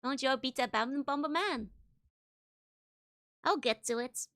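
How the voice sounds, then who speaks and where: A woman livestreamer chatting casually with viewers in a bubbly, giggly, gushing way, with a high-pitched bright voice. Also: moderate pace. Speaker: streamer, virtual YouTuber host.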